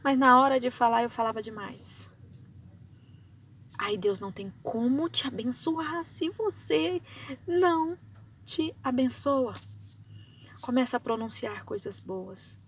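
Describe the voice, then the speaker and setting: A woman preaching a testimony sermon, swinging between loud outbursts and hushed whispers. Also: fairly high pitch, lively intonation, slow, pauses often, far from the mic, a little hiss or hum.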